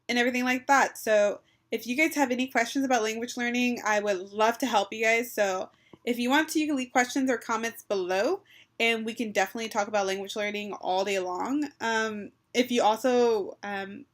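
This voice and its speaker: She's a chatty vlogger in her twenties from Texas with a fairly high voice, speaking casually to her webcam from a small bedroom. Plenty of "um" and "like" fill her speech, along with some Spanish phrases, picked up close by the built-in webcam mic.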